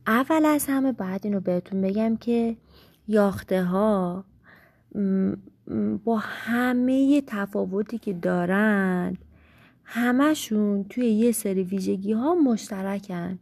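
A woman teacher walks children through a science lesson at an unhurried pace. She stretches out key words and sometimes corrects herself mid-sentence. Her voice is mellow and warm, and the recording is dry and close. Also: mid-range voice, no echo. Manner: slow, deliberate explaining with fillers and self-corrections.

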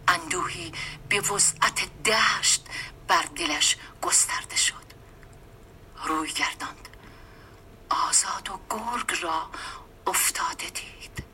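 A woman giving a dramatic storybook reading, often dropping into a hushed, half-whispered voice. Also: lowish voice. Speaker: story reader.

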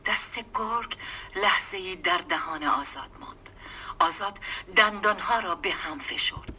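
A woman giving a dramatic storybook reading, often dropping into a hushed, half-whispered voice. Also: medium pitch, slight background noise. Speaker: story reader.

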